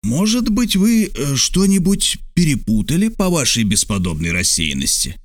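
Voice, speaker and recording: A man voicing a calm, dryly ironic military major in an audiobook. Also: fairly high pitch, moderate pace, no room sound, clean studio sound, voice pushed up. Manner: calm, teasing. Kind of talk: audiobook character voice.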